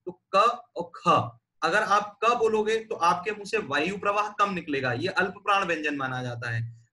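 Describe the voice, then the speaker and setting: Male lecturer from India, patient and explanatory, high pitch, repeats and demonstrates sounds. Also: bright, forceful tone. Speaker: teacher. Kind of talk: classroom lecture.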